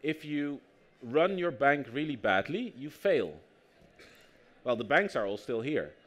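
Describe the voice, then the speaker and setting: Speaking at a measured pace in a medium-pitched voice, the author and anthropologist, a native Dutch speaker with a Dutch accent, shares anecdotes during an on-stage public interview. His storytelling is lively, with quotes acted out.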